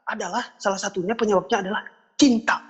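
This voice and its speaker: A pompous rich man, played by a man in a comedy podcast skit who brags about his wealth and cannot stand being interrupted. His voice sits fairly high for a man, and his delivery is stiff and self-satisfied. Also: steady tone, quick pace, slightly rough. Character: boastful rich adult man guest.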